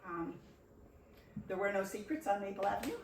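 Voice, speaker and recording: A woman's voice: mid-range voice, fairly quick, darkish tone. Chatty woman in her sixties, echoey. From Nova Scotia, Canada. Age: 60s. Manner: chatty, wry and self-deprecating. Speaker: presenter at a local history meeting. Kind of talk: casual reminiscing talk. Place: community meeting room. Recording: echoey room, distant mic, faint noise.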